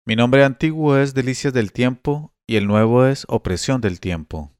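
A man voicing a sad young slave woman who speaks softly and pleads in a read-aloud tale. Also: medium pitch, moderate pace, clean tone, no room sound, studio quality, close to an everyday voice. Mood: sorrowful.

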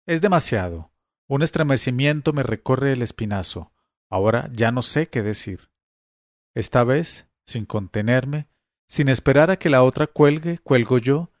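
A man's voice: medium pitch, no echo. Man reading a suspenseful story, dry. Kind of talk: literary reading of a first-person story.

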